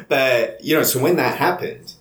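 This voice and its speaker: A man's voice: a little high, sharp tone. A man with a Cambridge English accent hosting a podcast, speaking hesitantly with many fillers and chuckles. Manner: hesitant, many ums and you-knows, chuckles. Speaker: podcast host. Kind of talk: casual podcast chat. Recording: echoey room.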